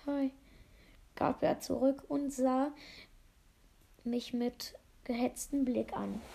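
A woman's voice: sits high, gravelly, mellow. A woman reading a novel aloud in German as an unpolished amateur audiobook, often stumbling and re-reading phrases. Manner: unpolished, frequent slips and re-reads of phrases. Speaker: reader of a novel.

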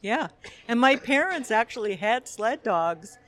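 A woman from Quebec, Canada, a film director being interviewed at a festival, talking thoughtfully with frequent pauses. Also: on the high side, lively intonation, fairly bright tone. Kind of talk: conversational interview.

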